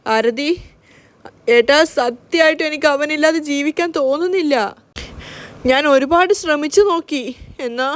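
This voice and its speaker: A woman voicing a heartbroken young woman who pleads tearfully with her family, speaking slowly. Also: sits high, natural voice. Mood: tearful pleading.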